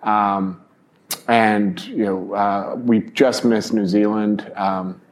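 Lower-pitched man chatting haltingly. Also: fairly even intonation. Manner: halting, rambling. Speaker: podcast co-host and sponsor guest. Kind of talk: casual interview chat.

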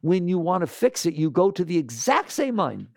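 A man giving an animated talk to an audience, scolding and asking rhetorical questions. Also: high voice, normal speed, no echo, clean studio sound.

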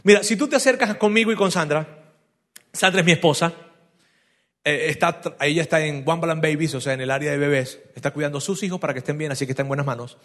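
A man preaches with a high, animated voice, asking his listeners direct questions as he tells the story. He acts out the voices of the people in it. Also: fast. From Venezuela. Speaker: pastor. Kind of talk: sermon.

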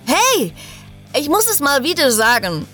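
A woman's voice: high voice, wildly swooping pitch, measured pace, a bit bright, faint music behind, pitched above the performer's own voice, heavily acted. A woman doing a cheerful young superhero guy. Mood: enthusiastic.

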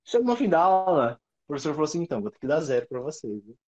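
A young man, telling school stories on a podcast with animated swearing and sudden pitch leaps. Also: very fast, faint music behind. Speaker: podcast host. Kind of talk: casual storytelling chat. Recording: dull lo-fi audio.

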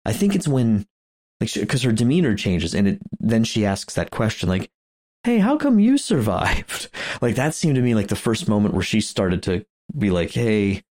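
A man's voice: lowish voice, lively intonation, a little fast, darkish tone. A man co-hosting a podcast in casual chat, rambling with many restarts and frequent chuckles. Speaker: podcast co-host.

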